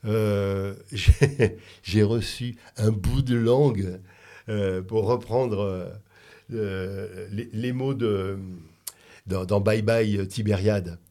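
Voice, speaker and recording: A French-born man appears as a guest in conversational radio talk, his lowish, mellow voice keeping a fairly even intonation. He speaks reflectively and haltingly, restarting his sentences many times.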